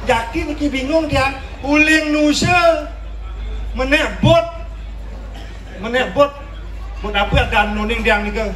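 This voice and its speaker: A man's voice: very high-pitched, a little hiss or hum. A man with a Balinese accent performing a joking, teasing comic monologue on stage, repeating phrases for effect as audience laughter sounds behind him. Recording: echoey stage, distant mic, loud laughing crowd. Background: crowd laughter.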